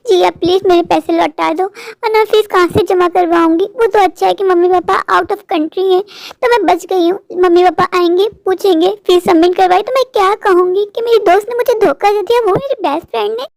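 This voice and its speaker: A woman's voice: very high-pitched, a little fast, gravelly, no echo. A woman voicing a distressed student in a cartoon story, pleading and upset.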